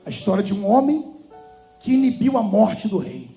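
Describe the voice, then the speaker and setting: A man with a Brazilian Portuguese accent preaching a fiery sermon, telling a story and swinging between hushed and shouted lines. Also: high-pitched, very animated, moderate pace, faint music behind. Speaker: pastor.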